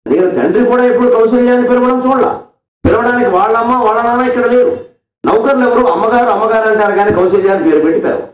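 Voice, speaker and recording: A high-voiced man gives a devotional discourse as a spiritual speaker, telling stories animatedly and mixing explanation with slow chanted verse. The recording sounds echoey, distant, dull, and lo-fi.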